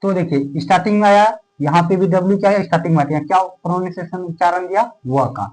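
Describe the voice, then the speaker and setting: A man teaching a classroom lesson in speech who asks questions and answers them himself, repeating key terms and drawing words out slowly as he writes. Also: high voice, a little mellow, a little hiss or hum, poor audio. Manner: stretches words out slowly while writing.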